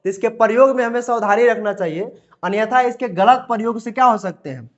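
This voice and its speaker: A man teaches grammar to students. He explains patiently, repeating each point and drawing out his example sentences slowly word by word. The recording is dull and lo-fi. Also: high voice. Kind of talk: classroom lesson explanation.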